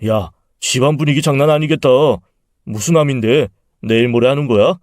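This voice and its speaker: A man's voice: medium pitch, brisk, darkish tone, no room sound, studio quality, close to an everyday voice. A man voicing the son-in-law's crude male friends, who tease and egg him on. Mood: mocking. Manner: coarse, teasing. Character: crude, mocking male buddies of the son-in-law.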